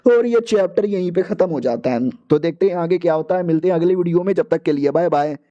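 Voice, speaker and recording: A man's voice: high-pitched, fast talker, mellow, lo-fi sound. A man narrating a comic recap in a chatty, slangy, joking storytelling way.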